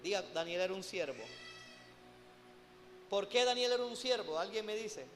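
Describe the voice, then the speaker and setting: High-pitched guy preaching hard, keeps calling out to the brothers, big echoey church. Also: animated, moderate pace, faint music behind. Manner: emphatic, repeatedly calling out "hermano" to the congregation. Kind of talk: sermon.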